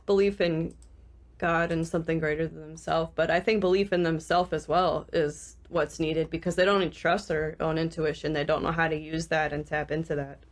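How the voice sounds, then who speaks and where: A woman with vocal fry, talking reflectively in a casual discussion as a podcast co-host. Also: sits low, steady tone, moderate pace.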